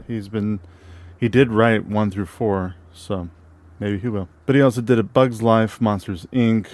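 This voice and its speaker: A man co-hosting a casual movie podcast. He reads film credits haltingly, with many fillers and restarts. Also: lowish voice, fairly even intonation, darkish tone. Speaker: podcast co-host.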